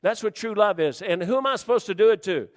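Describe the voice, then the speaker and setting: High-voiced joking preacher in a reverberant hall. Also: male voice, lively intonation, fast talker. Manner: folksy, joking preacher who swings from shouting to hushed. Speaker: pastor. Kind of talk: sermon. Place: church.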